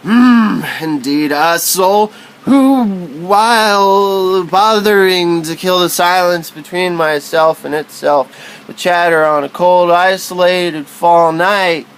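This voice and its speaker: A man delivers a literary spoken-word recitation theatrically but haltingly, wordy and prone to stumbling and repeating himself. His voice sits high and sounds a bit bright, with a clean tone.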